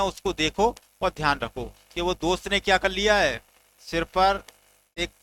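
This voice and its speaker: A man's voice: high-pitched, pushed and bright, poor audio. A man teaching a general knowledge lesson, telling playful stories and acting out little dialogues as memory tricks. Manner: playful storytelling with mnemonic jokes, acted dialogue.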